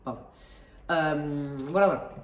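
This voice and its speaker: A woman in her own home explains a flight simulator cockpit in a loose, chatty way, stumbling through restarts and teasing herself as she goes. Her voice sits a little low, and she is recorded from some distance in an echoey room. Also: measured pace. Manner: chatty, many hesitations and restarts, self-joking. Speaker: flight simulator tutorial host. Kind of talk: casual tutorial explanation.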